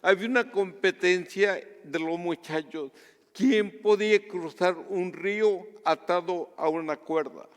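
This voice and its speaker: A man from Guatemala preaching a sermon as pastor, earnest and measured, dropping to a hush for personal stories. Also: sits high, long reverb tail.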